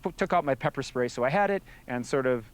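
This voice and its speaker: A man's voice: medium pitch, fast talker. A man with a mid-range voice explains outdoor safety in an easygoing, explanatory tone. He drops in little acted-out lines to make his points. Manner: relaxed, explanatory, acts out little quoted lines. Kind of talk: informative explanation.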